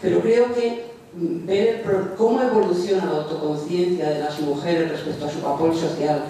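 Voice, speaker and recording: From the floor of a large, echoey indoor conference room, a woman with a Spanish accent makes a spontaneous suggestion as an audience member at an academic panel. Her lowish, mellow voice is steady and moderately paced, picked up from a distance with echo and faint noise.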